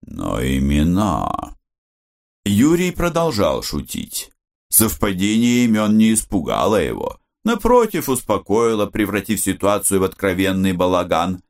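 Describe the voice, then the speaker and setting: In a low-pitched, creaky voice, a man reads a literary audiobook aloud, storytelling with measured pacing and expression.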